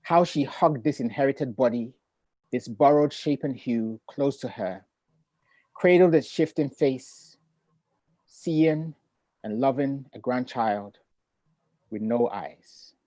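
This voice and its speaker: A middle-aged man who grew up in Ghana, a poet, reading his poems and talking about family in a measured, reflective way over a video call. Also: mid-range voice, mellow, no room sound. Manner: measured and reflective, with thoughtful pauses. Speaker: poet and author. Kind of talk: poetry reading and relaxed conversation.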